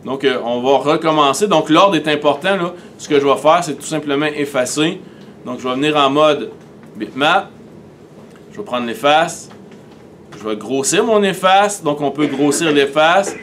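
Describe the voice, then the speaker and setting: Québécois man, fairly high voice, patient step-by-step screen tutorial, faint background noise. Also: normal speed, fairly bright tone. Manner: methodical, step-by-step, talks through each click. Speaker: teacher. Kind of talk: screen-recorded software tutorial.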